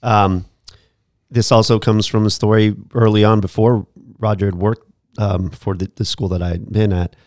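A man hosting a podcast, telling a story about his teaching days in a casual, animated way with frequent laughs and restarts. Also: lowish voice, normal speed, no echo, studio quality. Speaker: podcast host, former teacher.

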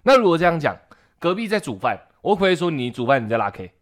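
Fast, swearing man, lively. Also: fairly high pitch. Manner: animated, heavy swearing, acts out other people's voices. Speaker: co-host telling a story. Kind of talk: casual podcast chat.

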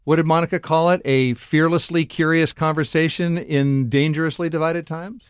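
A man's voice: fairly high pitch, fairly even intonation, moderate pace, clear, resonant tone, no echo, clean studio sound. A man hosting a radio talk, asking follow-up questions in an attentive, encouraging way. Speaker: radio host. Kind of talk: interviewing a co-host.

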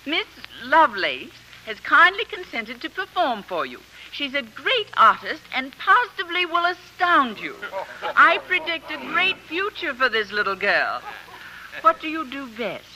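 A woman's voice: sits high, sing-song, a little slow, sharp tone, full character voice, rough recording. Woman playing a catty, drawling society actress. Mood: sarcastic. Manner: drawling, sarcastic, condescending. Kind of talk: 1940s radio acting. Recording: old radio broadcast.

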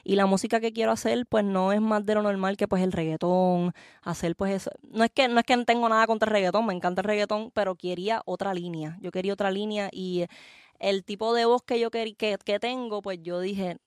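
A woman's voice: mid-range voice, fairly even intonation, a little fast, clean tone, dry recording, studio quality. A young woman from Puerto Rico with a Puerto Rican accent, a singer talking in a casual interview, hesitant and repeating her words. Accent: Puerto Rican Spanish. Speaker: singer guest.

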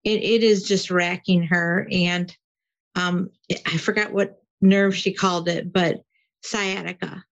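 Slow-talking woman caller on a call line. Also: lowish voice, fairly even intonation, highs cut off. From Michigan. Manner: hesitant, many "um" fillers. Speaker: radio show caller.

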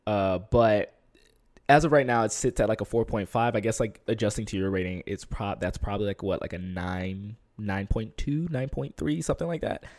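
A man co-hosting a podcast in casual chat, animated and quick to laugh. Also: dry recording, clean studio sound. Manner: animated, laughs often, mimics commenters in a high voice. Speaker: podcast co-host.

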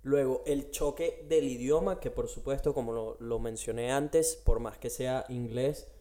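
Man, podcast co-host, warm dark tone, middle pitch, steady topic rundown. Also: a little slow. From Latin America. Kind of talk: casual podcast chat. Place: Australia.

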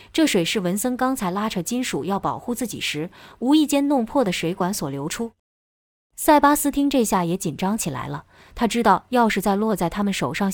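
A woman narrating a novel as an audiobook, telling the story in a steady way. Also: mid-range voice, no room sound, studio quality.

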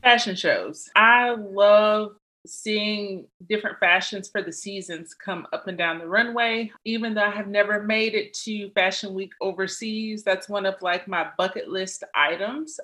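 A woman in her thirties from Mississippi speaks with a bright, sharp tone. She talks in a friendly, rambling way full of "um" fillers, as a guest on a video call from her home office. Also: mid-range voice, a little slow. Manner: friendly, chatty, many "um" fillers. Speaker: interview guest, costume and wig artist. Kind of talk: conversational interview.

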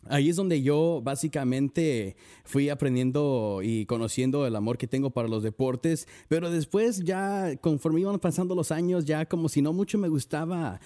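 A young man from the San Francisco Bay Area, a guest chatting casually from home, relaxed and full of fillers and restarts. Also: on the high side, normal speed. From San Francisco Bay Area, USA. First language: Spanish. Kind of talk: casual interview chat.

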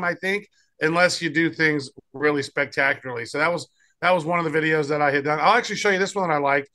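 A man's voice: fairly high pitch, sharp tone. A man co-hosting a podcast, chatting loosely as he demos tools, often trailing off and restarting. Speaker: podcast co-host. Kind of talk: casual chat demoing tools.

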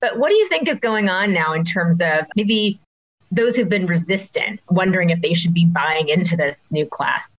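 A woman's voice: lowish voice, lively intonation, moderate pace, dull audio. A woman hosting a panel discussion, posing questions to a guest in a conversational way. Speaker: host.

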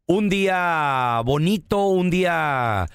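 A man with a Mexican accent hosting comic banter, telling jokes with slow, drawn-out storytelling. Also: a little high, expressive, clear, resonant tone, no room sound, clean studio sound. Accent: Mexican Spanish. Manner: playful, drawn-out joking storytelling. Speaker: podcast host. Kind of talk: comic banter analyzing a song.

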